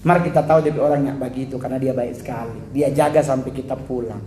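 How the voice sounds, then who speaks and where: A man with a Manado accent doing stand-up comedy as a mock church sermon, animated and jumping into high-pitched impressions of other people. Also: quick pace, reverberant, slight background noise.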